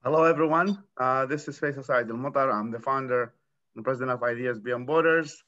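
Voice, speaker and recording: Man, 30s, from iraq, earnest panelist, halting restarts, lo-fi video call audio. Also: medium pitch, bright, forceful tone, slight background noise. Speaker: panelist, nonprofit founder. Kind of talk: conference panel talk. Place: room at home. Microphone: laptop webcam on video call.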